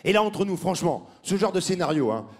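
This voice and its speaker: A man doing a stand-up style comic monologue, mocking and laughing, breaking into squeaky put-on voices. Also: sing-song, brisk. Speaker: stand-up comedian.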